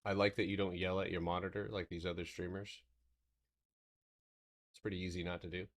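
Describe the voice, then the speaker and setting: A deep-voiced stock trading streamer hosts a casual livestream market recap, rambling loosely and swearing offhandedly, then settling into a steady explanatory tone as he goes through charts.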